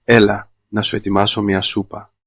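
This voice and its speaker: A man voicing a tender, worried mother in a storybook reading, with flat, even delivery. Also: fairly low pitch, no room sound.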